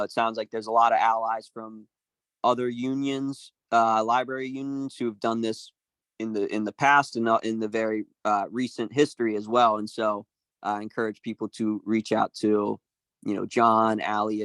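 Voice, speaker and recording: A man's voice: on the low side, gravelly, fairly bright tone, dry recording, poor audio. A man moderating a community meeting, talking casually with many fillers and a friendly, hesitant manner.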